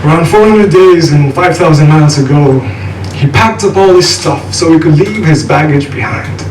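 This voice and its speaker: A man's voice: a little high, moderate pace. A young man from Nepal performing spoken word poetry at a live student event, with a rhythmic, intense and wry delivery. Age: young adult. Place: live venue with an audience. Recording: echoey room from a distance, noisy.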